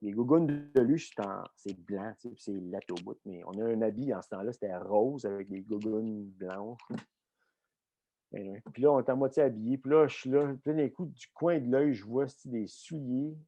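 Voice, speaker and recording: Animated Québécois man telling a story. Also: on the low side, moderate pace, no room sound. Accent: Québécois French. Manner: animated anecdote with frequent fillers and swearing. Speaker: guest coach and former Olympian. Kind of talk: casual storytelling in a podcast interview.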